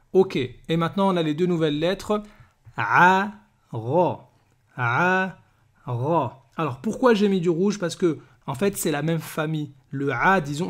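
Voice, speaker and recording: A man runs a calm pronunciation lesson, voicing each letter slowly and repeating it. His voice sits a little high. He keeps asking whether the listener is following. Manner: patient, repeats letter sounds slowly, asks "d'accord?" often. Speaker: Arabic teacher.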